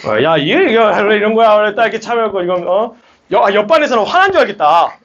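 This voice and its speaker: Brief: young male math tutor, high and animated voice, muffled classroom recording. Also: fast talker. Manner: lively, coaxing, rallies students with shouts. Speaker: math academy teacher. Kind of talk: classroom lecture. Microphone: speaker amplified mic.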